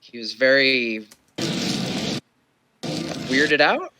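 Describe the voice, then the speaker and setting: A man's voice: medium pitch, big pitch swings, very slow, over loud music. An American man co-hosting a casual watch-along chat, bantering in a dry, playful way. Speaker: co-host.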